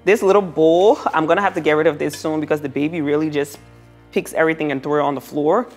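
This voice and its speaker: A woman vlogger with a low-pitched voice talks casually to her viewers. She gushes admiringly in the manner of a home makeover reveal, with music playing behind her. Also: fairly even intonation, fast, a little mellow. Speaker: vlogger giving a home tour. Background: background music.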